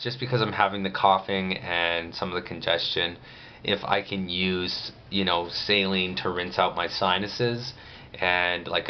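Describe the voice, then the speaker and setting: A man's voice: sits low, muffled recording, slight background noise. A man giving a casual, rambling video diary update, speaking matter-of-factly with restricted jaw movement after jaw surgery.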